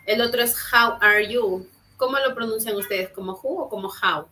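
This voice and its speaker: A woman's voice: a little high, brisk, a bit bright, a little hiss or hum. A woman teaching English in an online class, explaining patiently and checking in with her students through frequent tag questions. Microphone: computer mic on video call.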